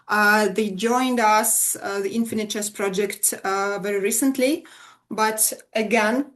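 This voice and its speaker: A woman moderates an online event over a video call. She speaks in a middle-pitched voice, haltingly, with many fillers and loose phrasing. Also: steady tone, fairly bright tone.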